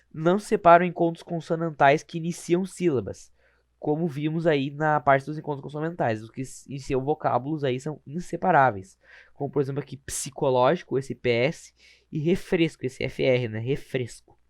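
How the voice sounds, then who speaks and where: A man explaining grammar rules over slides, informal, often slowing to spell words out and correcting himself. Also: a little high, dry recording, clean studio sound. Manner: informal, repeats words slowly, self-correcting. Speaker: teacher.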